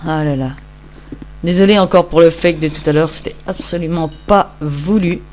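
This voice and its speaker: A man's voice: fairly high pitch, normal speed, a little mellow. Tired man rambling over gameplay. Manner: rambling, self-mocking. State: tired, just woke up. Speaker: Minecraft let's-play host. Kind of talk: casual gameplay commentary.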